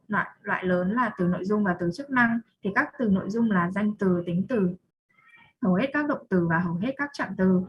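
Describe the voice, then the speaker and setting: A woman's voice: medium pitch, breathy edge, lo-fi sound. A young woman with a Vietnamese accent giving a student presentation, reading definitions and then explaining them again. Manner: reads slide definitions then restates them.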